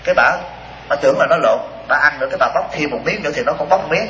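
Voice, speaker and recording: A man giving a lively dharma talk as a monk, telling stories and asking rhetorical questions. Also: fairly high pitch, rapid-fire, a little hiss or hum. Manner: animated, acts out voices in stories, rhetorical questions. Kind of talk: sermon with storytelling. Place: retreat hall. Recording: dull roomy hall recording.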